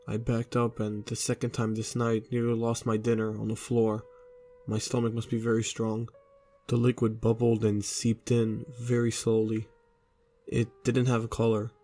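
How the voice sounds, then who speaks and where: A man narrating a scripted horror story in a steady, low-key way.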